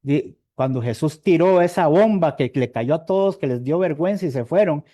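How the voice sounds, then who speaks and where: A man's voice: fairly high pitch, lively intonation, normal speed, warm tone, dry recording. A man with a Costa Rican accent preaching a sermon in a conversational way, often checking in with his listeners and repeating words as he searches for them. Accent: Costa Rican Spanish. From Costa Rica. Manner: conversational, asks the congregation "¿verdad?" often. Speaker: evangelist preacher.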